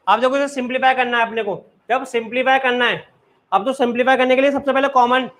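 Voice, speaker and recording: Man maths teacher, very high voice, bright tone, live online class, keeps checking students follow.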